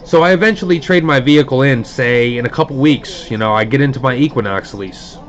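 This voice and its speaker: A man's voice: medium pitch, a little fast. A man hosting a card break stream, casually telling a long story and acting out the dialogue with rising indignation. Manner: animated, acts out quoted dialogue; indignant, grumbling. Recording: dull lo-fi stream audio.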